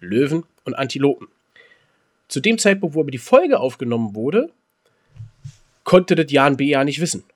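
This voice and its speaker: A mid-range male voice with a sing-song lilt moves at a moderate pace and leaves long pauses. He's a podcast co-host in casual conversation, telling stories emphatically in everyday language and swearing a little.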